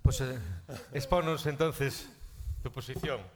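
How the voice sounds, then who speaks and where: A man's voice: medium pitch, fairly even intonation, takes it slowly, a crowd in the background. A man with a Galician accent presenting an event and introducing a speaker to an audience, recorded in a very reverberant hall.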